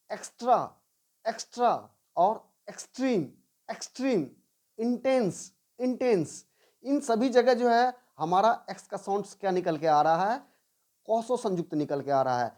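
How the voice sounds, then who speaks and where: A woman teaching English pronunciation in a slow classroom style. She repeats each word several times and asks questions that she then answers herself. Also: on the low side, darkish tone. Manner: drills words by repeating them, asks and answers her own questions.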